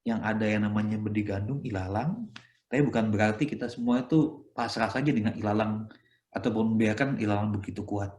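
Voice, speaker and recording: A man's voice: on the low side, brisk, darkish tone. A man with an Indonesian accent, a priest giving a conversational sermon, often ending phrases with "gitu ya" and slipping English phrases in. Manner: conversational, peppered with "gitu ya" tags; mixes English phrases into his speech. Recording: echoey room.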